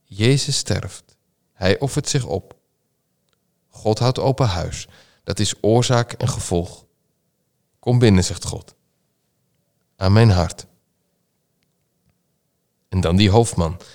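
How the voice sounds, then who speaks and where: Male preacher, low voice; measured, solemn scripture reading and sermon. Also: gravelly, a little mellow. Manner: slow, measured, solemn delivery.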